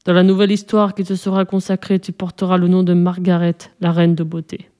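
A huge, cruel giant from a storybook mocks his foe with sneering contempt, then turns falsely sweet and coaxing, put on by a woman narrator. The tone stays mellow and dark. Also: medium pitch, moderate pace, close to an everyday voice.

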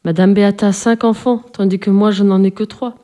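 A woman voicing a poor, gentle mother who speaks softly and soothingly to her children. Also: medium pitch, fairly even intonation, a little fast, lightly acted. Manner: soft, soothing.

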